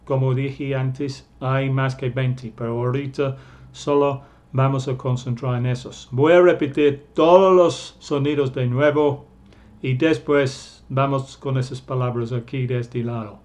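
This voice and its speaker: A man teaching vowel sounds in Spanish, drilling each vowel again and again and stressing it louder. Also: medium pitch, fairly even intonation, measured pace. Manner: repeats vowel sounds many times, stressing them louder; slips and corrects himself. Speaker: English teacher. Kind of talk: slow vowel-drill lesson for Spanish speakers.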